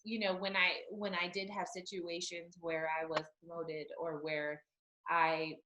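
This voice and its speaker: A woman's voice: on the low side, level tone, a little slow, pushed and bright, echoey room, highs cut off. A woman from Utah, an author, talking candidly and reflectively in an interview, often saying "you know.". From Utah, United States. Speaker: author and guest. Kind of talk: conversational interview.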